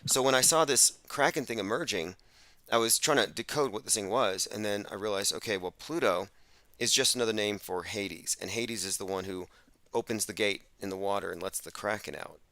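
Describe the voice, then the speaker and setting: A man's voice: fairly low pitch, a little fast, bright, forceful tone, no room sound. A man hosting a casual conversation, explaining his ideas in an earnest way. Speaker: host.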